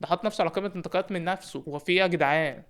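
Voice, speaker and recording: A young man with an Egyptian Arabic accent giving joking, excited commentary on a football game and shouting at his players. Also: sits high, rapid-fire, clear, resonant tone. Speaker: gaming YouTuber.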